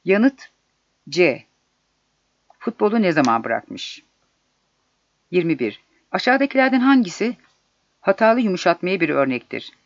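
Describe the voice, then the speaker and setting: A man reading quiz questions and their solutions aloud in a measured, deliberate way. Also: high voice, sing-song, creaky. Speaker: exam prep narrator. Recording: dull lo-fi dry recording.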